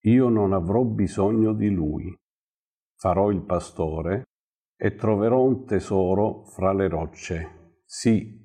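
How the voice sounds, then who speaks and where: A man's voice: sits low, dark tone, slightly rough, exaggerated voice. A man voicing a proud, stubborn village boy who boasts and defies, in a storybook reading. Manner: boastful, defiant.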